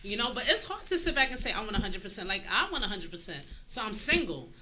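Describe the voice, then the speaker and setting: A woman's voice: mid-range voice, sing-song, fast, sharp tone, a little hiss or hum. A woman on a panel, speaking candidly and telling stories in a casual chat.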